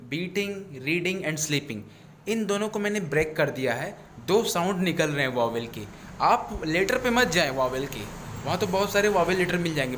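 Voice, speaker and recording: A male teacher walks through a video lesson. His voice sits a little high and he repeats points patiently. A faint hiss runs under the recording. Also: a bit bright. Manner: explanatory, repeats points, mixes English phrases into Hindi. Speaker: English teacher.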